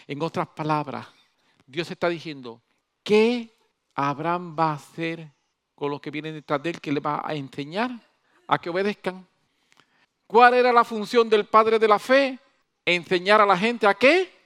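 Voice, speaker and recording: A male pastor preaching a sermon in an animated way, swinging between loud emphasis and soft asides. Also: very high-pitched.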